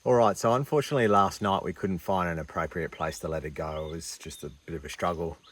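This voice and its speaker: Australian male nature presenter, low register, enthusiastic slangy field delivery, noisy outdoor recording. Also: quick pace, fairly bright tone, distant mic. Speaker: wildlife host. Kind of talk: wildlife field vlog, casual presenting to camera. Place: outdoors in the bush.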